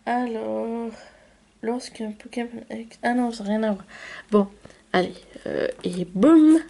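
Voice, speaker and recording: A woman's voice: fairly high pitch, fairly even intonation, unhurried, vocal fry, warm tone. A woman chatting unscripted through a card-opening vlog, talking straight to her viewers. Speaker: YouTuber opening trading card packs.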